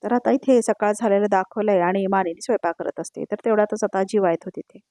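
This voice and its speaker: A woman's voice: mid-range voice, quick pace, dark tone, dry recording, studio quality. A woman giving a casual spoken recap of a TV serial episode, chatting along and tagging each quoted line with who said it. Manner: conversational, repeats "now she says" tags between quoted lines.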